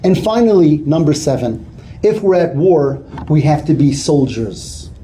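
A man giving an earnest sermon as a rabbi, weaving in a story told with lively quoted dialogue. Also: a little high, a little slow, slight background noise. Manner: earnest, builds to animated retelling of quoted dialogue.

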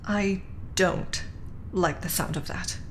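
Drama heroine, female actor: earnest, cautious, slow measured delivery, faint rumble behind. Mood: uneasy, challenging. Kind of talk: scripted audio drama acting.

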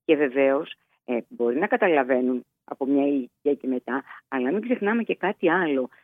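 A woman's voice: a bass voice, expressive, no echo. Woman psychologist on a tinny phone line. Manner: measured, explanatory, with frequent hesitations. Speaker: child psychologist guest. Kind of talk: expert advice on a podcast.

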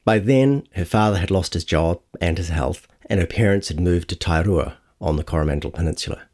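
In a low, somewhat mellow voice delivered a little fast, a man narrates a scripted audio long-read of a feature article, acting out the quotes as he reads.

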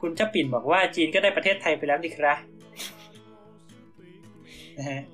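A man's voice: a little high, normal speed, pushed and bright, faint music behind. A man co-hosting a casual podcast, telling an improvised story with many fillers and restarts. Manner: rambling, full of fillers and restarts. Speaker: podcast co-host.

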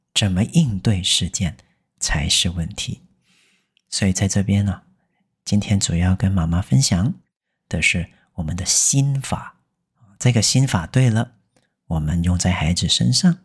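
A man with a Taiwanese Mandarin accent hosting a parenting podcast, explaining patiently and slowly sounding out English words. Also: deep voice, breathy edge. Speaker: parenting educator and podcast host. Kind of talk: podcast advice and mini English lesson.

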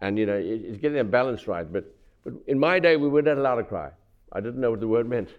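A man's voice: mid-range voice, expressive, quick pace, phone-quality sound. An older man speaking bluntly and matter-of-factly as a guest on a discussion panel.

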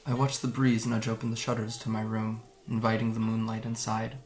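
An actor playing a guarded young man from Japan, quietly recounting how he fled home in an audio drama. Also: on the low side, completely flat delivery, soft background music, close to an everyday voice. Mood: somber. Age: young adult. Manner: soft, hesitant storytelling with halting restarts. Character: young man, guarded and wry, recalling his escape. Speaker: interviewee.

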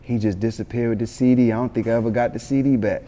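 A man tells stories in a relaxed interview. His voice is mellow and dark, and the hall gives it a long reverb. He talks loosely and excitedly, swears, and keeps adding "you know what I'm saying". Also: mid-range voice, fast talker. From Atlanta, born in Yonkers. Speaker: interview guest, rapper. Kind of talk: casual storytelling interview.

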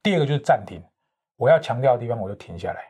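A man's voice: medium pitch, big pitch swings, racing, darkish tone, breathy edge. A man, a professional speaking coach explaining his methods with confident, lecturing examples in an interview. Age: 50s.

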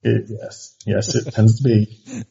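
A man's voice: lowish voice, slow pace, vocal fry, mellow, lo-fi sound. A man chatting casually as a talk show co-host, sounding distant and far from the mic in an echoey room. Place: makeshift echoey room, away from studio.

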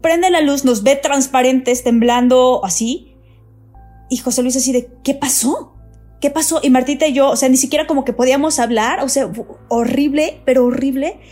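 Animated high-voiced woman. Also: normal speed, faint music behind. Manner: animated, repeats words, many fillers. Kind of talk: casual chat.

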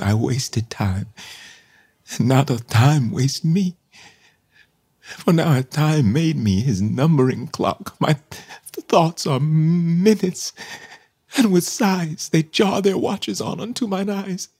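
An actor playing an imprisoned, deposed king in a Shakespearean radio play, musing in halting, theatrical verse with a husky, breathy voice. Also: low-pitched, darkish tone, no room sound, full character voice. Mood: mournful, regretful, then anguished. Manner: halting, introspective, theatrical, breaking into sudden swells. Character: imprisoned deposed king, brooding, self-pitying, mentally unravelling.

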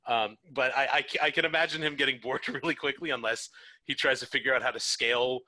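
Bright-voiced rambling male podcast co-host. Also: mid-range voice, fast. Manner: rambling, filler-heavy, laughing asides. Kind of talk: casual chat.

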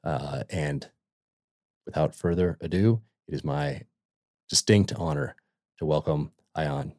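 A male podcast host with a very low voice. He talks in a halting way, full of fillers and restarts, and the sound is close and dry with no room echo. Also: a little mellow. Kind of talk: reading a book excerpt, then interviewing.

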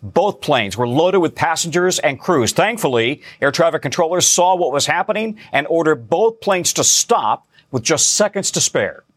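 A man's voice: fairly high pitch, expressive, normal speed, few pauses, dry recording. A man reporting as a news correspondent, reading a scripted story on aviation.

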